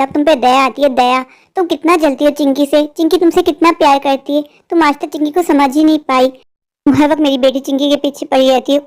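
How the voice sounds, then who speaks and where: A woman voicing a worried, loving widowed mother of two daughters in a cartoon story, speaking quickly and pleadingly. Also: high voice, darkish tone, lightly acted.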